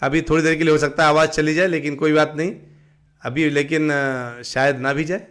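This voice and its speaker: A man giving a live-streamed devotional talk, asking the audience questions and answering them himself, sometimes breaking into slow sung chanting. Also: on the high side, level tone, a bit bright. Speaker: devotional teacher.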